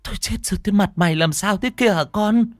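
A man's voice: sits high, dry recording, pitched above the performer's own voice, close to an everyday voice. Man doing a fretful old grandmother. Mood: worried, scolding. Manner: fretful, scolding, rapid questions. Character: poor old grandmother, worried and scolding. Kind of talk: storytelling narration.

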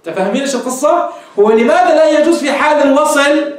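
High-voiced sheikh teaching grammar. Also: male voice, fast. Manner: explains step by step, asks the class questions and answers them. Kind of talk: classroom grammar lesson. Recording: very echoey room, mic far off.

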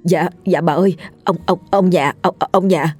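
A woman's voice: on the low side, darkish tone, breathy edge, faint music behind. A woman voicing a young male servant who stammers in a breathless hurry. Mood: panicked. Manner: stammering, hurried.

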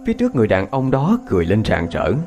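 A man's voice: lowish voice, huge pitch swings, rapid-fire, mellow, faint music behind. A man narrating a scripted ghost story in a dramatic, suspenseful way.

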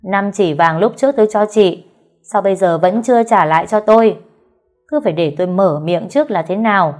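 A woman voicing a harsh older mother-in-law who shouts and berates her daughter-in-law, with soft music underneath. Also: mid-range voice, a little fast, lightly acted. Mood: scolding, shrill.

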